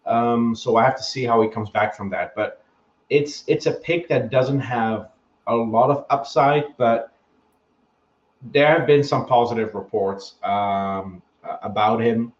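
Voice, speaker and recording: This guest analyst speaks unhurriedly in a medium-pitched voice, chatting casually on a podcast about his opinions. His remote sound is lo-fi, dull, and echoey, and he keeps hesitating with ums and restarting his thoughts.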